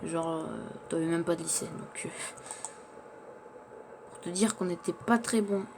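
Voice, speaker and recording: A man's voice: a little high, a little slow, a little mellow. Chatty male gamer over noisy game sound. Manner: chatty, narrates his own actions, stumbles over words. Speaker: gamer playing in character. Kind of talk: in-character survival gameplay commentary.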